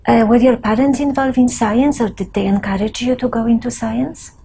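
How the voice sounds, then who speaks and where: A woman's voice: fairly high pitch, fairly even intonation, normal speed, creaky, dark tone, slightly rough. A woman interviewing a guest, asking hesitant questions with false starts. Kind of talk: oral history interview questions.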